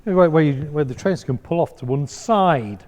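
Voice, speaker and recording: A man's voice: on the high side, lively intonation, normal speed, a little mellow. A man co-hosting a casual live stream, hesitant and understated, with frequent ums. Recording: long hall reverb.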